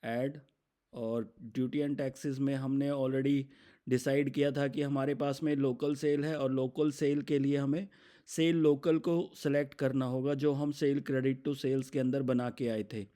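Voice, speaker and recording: An Indian man walks through a software demo step by step, explaining in an instructional style and mixing in English terms. He has a mid-range voice, speaks a little slowly and keeps a level tone.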